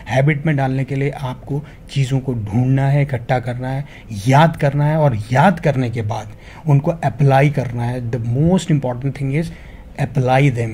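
A man's voice: mid-range voice, warm tone, slight background noise. A man giving an earnest, motivational spoken lesson, calling viewers his friends and slipping English phrases into his talk. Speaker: English teacher.

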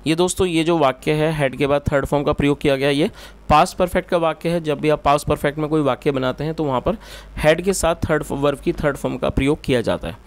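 A man teaching English, reading a story slowly phrase by phrase and then explaining it in quick Hindi. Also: fairly high pitch, clear, resonant tone. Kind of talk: bilingual English lesson, reading a story line by line and translating.

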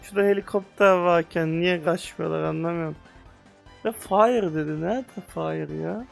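A young man giving casual, excitable commentary on a VR game, slangy, with loud outbursts, sometimes speaking English. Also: a little high, moderate pace, vocal fry, soft background music. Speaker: gaming youtuber.

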